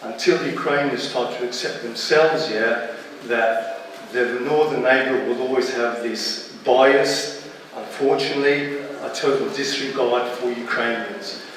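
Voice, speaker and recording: A man's voice: mid-range voice, fairly even intonation, a little slow, fairly bright tone, slight background noise. A man in his fifties from Britain speaking on a public panel, emphatic, with apologetic asides and a repeated "yeah". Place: large exhibition hall, indoors. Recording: distant mic in an echoey hall.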